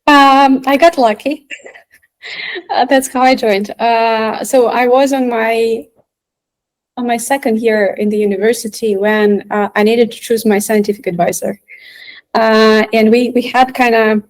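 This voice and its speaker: A woman's voice: fairly high pitch, steady tone, a little slow. A woman telling her story casually in an interview, in an informal, chatty way. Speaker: software engineer, interview guest.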